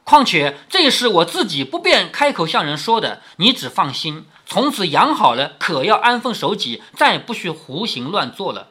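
A man's voice: high-pitched, big pitch swings, normal speed, hardly any pauses, pushed and bright, breathy edge, heavily acted. A man voicing a composed senior maid who speaks kindly but firmly. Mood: reassuring.

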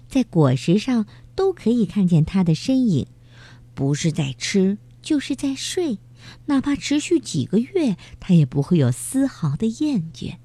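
A woman narrating a children's story gently and expressively. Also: mid-range voice, dry recording.

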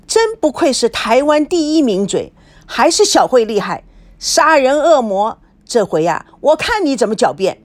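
A woman voicing a loud, nosy middle-aged woman who scolds and bursts out dramatically in a story reading. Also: high voice, big pitch swings, moderate pace. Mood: indignant. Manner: brash and scolding, dramatic outbursts.

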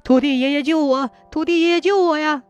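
A woman's voice: a little high, sing-song, moderate pace, no echo, muffled recording, soft background music. A woman voicing a frightened stonemason who talks in flustered exclamations. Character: frightened young man, a stonemason.

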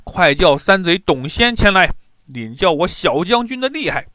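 A bold, high-voiced boy warrior who speaks with calm confidence and orders men about, as a man puts him on. The voice is lifted well above the storyteller's own and stays lively. It belongs to a storybook tale read aloud. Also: normal speed, dry recording, heavily acted. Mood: bold, confident. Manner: confident, commanding.

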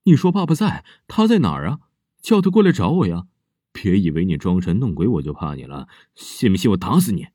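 A man's voice: deep voice, very animated, a little fast, slightly rough, no echo, clean studio sound, full character voice. A man doing a cruel, scornful stepmother. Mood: scornful threatening. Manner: harsh, scornful and loud. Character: cruel, spiteful stepmother, a grown woman.

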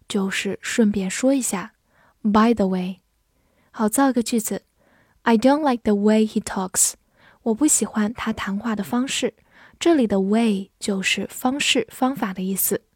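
A woman teaching English vocabulary, spelling out words and reading example sentences slowly and carefully. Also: a little high, warm tone, no echo, studio quality. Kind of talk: vocabulary lesson.

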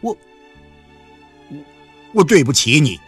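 A man's voice: a little high, very animated, slow, breathy edge, soft background music, heavily acted. A man reading a novel aloud and voicing a blunt, conflicted farmer who stammers. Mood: pleading. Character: middle-aged farmer man, blunt, torn over divorce.

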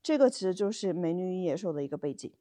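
Speaking fast with lively intonation, this woman has a fairly low, warm voice. As a podcast co-host, she shares stories conversationally, peppering them with rhetorical questions and colloquial asides.

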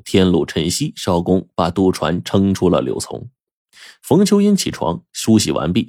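Husky lively male storyteller. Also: low voice, no room sound, studio quality. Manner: lively, with drawn-out particles. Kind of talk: storytelling narration.

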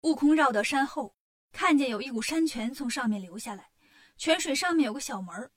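A woman narrating a children's story in a lively, colloquial way. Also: sits high, a little fast.

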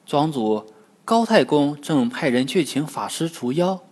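A man narrating a classic tale for children in an expressive storytelling manner. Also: fairly high pitch, a little slow. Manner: lively, expressive. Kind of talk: scripted narration.

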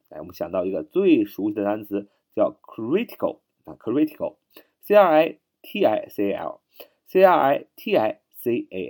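A man gives a spoken English vocabulary lesson, spelling words letter by letter and patiently repeating them, drawing out the particles at the ends of his phrases. His voice is medium-pitched, a little mellow, and husky.

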